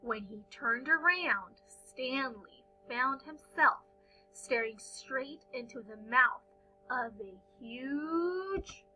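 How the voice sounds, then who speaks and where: A woman reading a picture book aloud to young children as a storyteller, with expressive, dramatic and deliberate phrasing. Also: sits high, soft background music, low-quality recording.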